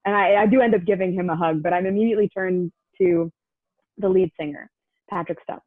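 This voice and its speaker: A woman's voice: lowish voice, fairly quick, dry recording. Chatty young woman on tinny line. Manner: chatty, many "like" fillers, acts out quotes. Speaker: guest. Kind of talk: casual storytelling. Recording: tinny phone-like line, dry.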